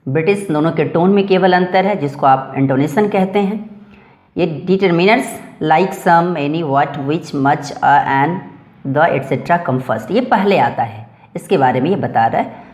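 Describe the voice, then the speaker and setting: A man's voice: high voice, a little mellow. Methodical male grammar teacher. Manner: reads English example sentences slowly word by word; drills through lists with repeated "after that". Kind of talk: grammar lesson explaining examples.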